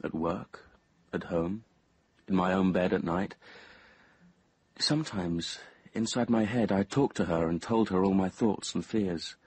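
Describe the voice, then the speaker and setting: Playing an earnest young British man caught in uneasy infatuation, the actor tells his story in first-person radio drama narration, fully in character. His voice is low, unhurried and slightly rough, hesitant and reflective in a brooding way, captured dry.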